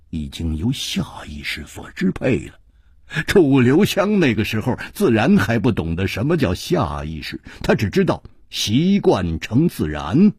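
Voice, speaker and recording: A man telling a traditional martial-arts story with dramatic, expressive narration. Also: mid-range voice, husky, no echo, studio quality.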